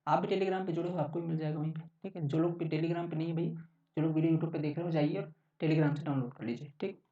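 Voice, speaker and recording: A man's voice: fairly high pitch, steady tone, quick pace, warm tone. Brief: male coaching teacher, conversational and repetitive, recorded a little far from the mic, dull tone. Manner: chatty, keeps checking in with listeners. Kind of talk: casual online lesson. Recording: roomy, distant, dull sound.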